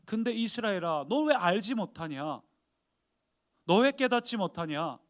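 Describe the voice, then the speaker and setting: God's stern rebuke, voiced by a preacher. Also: male voice, high voice, sing-song, unhurried, a bit bright, exaggerated voice. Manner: raised, emphatic scolding. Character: God rebuking his complaining people, stern.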